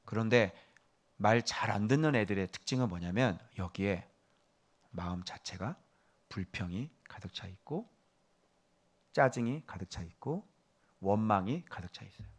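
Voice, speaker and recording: Preaching man, loud then whispering. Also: fairly low pitch, moderate pace, long pauses. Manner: animated preaching, swinging from loud emphasis to hushed whispers; scolding, asks the congregation questions. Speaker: pastor. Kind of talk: sermon.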